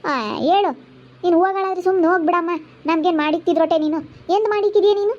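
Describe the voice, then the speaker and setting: A woman playing an angry woman who defends the quiet girl and rebukes her sister, with a rural central Karnataka accent. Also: very high-pitched, steady tone, fast. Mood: rebuking. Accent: rural central Karnataka Kannada. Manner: loud, rebuking. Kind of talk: amateur family drama acting. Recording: muffled lo-fi recording.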